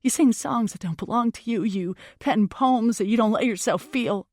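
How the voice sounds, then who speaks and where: A woman voices a heartbroken young woman in first-person audiobook dialogue, wounded, furious, seething and accusing, with emotional emphasis. Her voice is on the high side and darkish, natural-sounding at normal speed, recorded in a clean studio with no echo.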